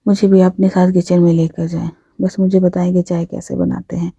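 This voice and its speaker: A woman voicing a gentle, playful young blind man who speaks softly and earnestly, in a story she narrates. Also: on the low side, level tone, gravelly, husky, no echo. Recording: dull lo-fi audio.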